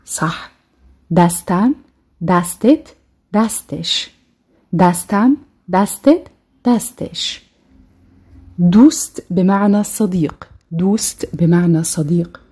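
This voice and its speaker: Husky Egyptian woman teaching slowly. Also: fairly low pitch, dark tone. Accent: Egyptian Arabic. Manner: slow, repeats each word twice for drill. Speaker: language teacher. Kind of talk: recorded online lesson.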